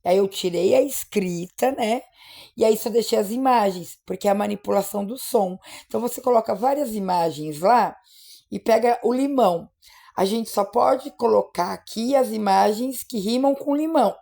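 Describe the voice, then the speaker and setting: A woman teacher patiently explaining literacy skills, stretching out example words slowly and checking in often. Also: medium pitch, creaky, dark tone.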